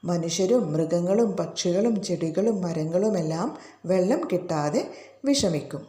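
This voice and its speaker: A woman's voice: lowish voice, lively intonation, measured pace, warm tone. A woman teacher explaining a school lesson to children, often asking them rhetorical questions. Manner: asks pupils rhetorical questions. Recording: roomy echo.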